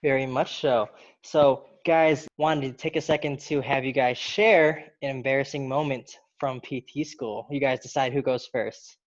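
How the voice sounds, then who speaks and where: A man's voice: medium pitch, moderate pace, few pauses. Young male podcast host, dull lo-fi audio. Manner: relaxed, chatty, asks questions. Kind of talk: casual podcast chat.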